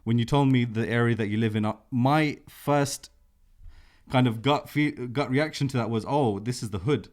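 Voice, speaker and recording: A man's voice: medium pitch, normal speed, a little mellow. A man hosting a podcast interview, talking in a loose, enthusiastic way. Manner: enthusiastic, full of fillers and restarts. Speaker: podcast host. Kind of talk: casual interview talk.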